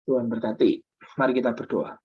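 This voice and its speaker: Husky-voiced male preacher. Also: mid-range voice, fairly quick, muffled recording. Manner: animated storytelling preacher, acting out dialogue. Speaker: pastor. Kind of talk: sermon.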